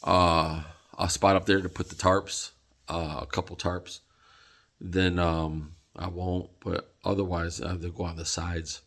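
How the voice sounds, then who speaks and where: A man's voice: low-pitched, little pitch movement, a little slow, fairly bright tone. A tired man vlogging casually about a truck, rambling with many fillers and restarts. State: tired, yawning. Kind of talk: casual vlog talk.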